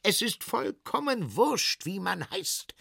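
A man voicing a pushy, loud fairground soap seller in a children's story, with a high, hawking shout. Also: big pitch swings, slow pace, gravelly, husky, no echo, studio quality, exaggerated voice. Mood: impatient.

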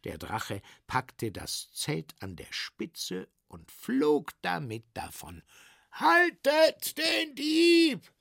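A man reading a children's story aloud, with very expressive, dramatic delivery. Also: slow pace, gravelly, few pauses, dry recording, studio quality. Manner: very expressive, dramatic swings in pitch.

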